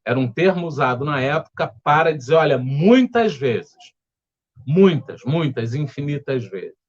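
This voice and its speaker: A man with a Brazilian Portuguese accent leading a spiritual study group, speaking in a calm, gentle, explanatory way. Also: on the high side, moderate pace, muffled recording. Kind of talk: reflective spiritual study talk. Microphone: home setup with earphones.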